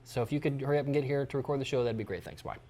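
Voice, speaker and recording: A man's voice: medium pitch, rapid-fire, mellow. A man hosting a casual comedic chat show in a toy shop, rambling and joking as he plugs things. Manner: rambling and jokey, plugging things. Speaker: show host.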